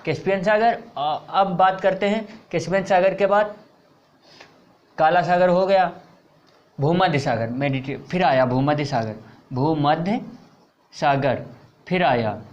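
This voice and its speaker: A man with a high, light voice leads an exam-prep lesson at an unhurried pace. He spells out the answer choices one word at a time. He repeats each key term again and again, sinking lower on each repeat. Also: highs cut off. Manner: repeats key words several times, dropping low on them; reads out options slowly, word by word. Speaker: exam coaching teacher.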